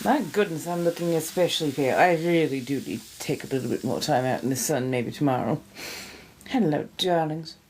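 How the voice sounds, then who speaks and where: She has a deep, slightly mellow voice and speaks a little quickly, with a faint hiss or hum in the background. She's hosting a casual livestream, eating and drinking while she gushes over viewers with dramatic pet names.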